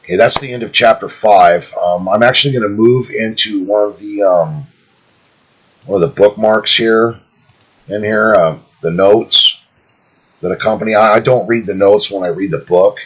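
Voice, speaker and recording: A man reading an old book aloud in a measured, deliberate way, stopping now and then for loose, chatty asides to his listeners. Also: lowish voice, breathy edge, muffled recording. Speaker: audiobook reader.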